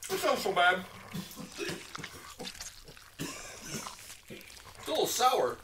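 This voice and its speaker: A man's voice: high-pitched, big pitch swings, very slow. Man talking through a chewing mouthful. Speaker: food reviewer. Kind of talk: casual food-tasting chat. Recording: roomy, distant mic, faint noise.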